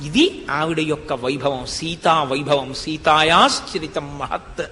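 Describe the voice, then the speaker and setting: A man's voice: on the high side, a little slow, pushed and bright, slight background noise. A man giving a devotional discourse, telling the story expressively, asking rhetorical questions and reciting Sanskrit verses. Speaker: religious discourse speaker. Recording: long hall reverb.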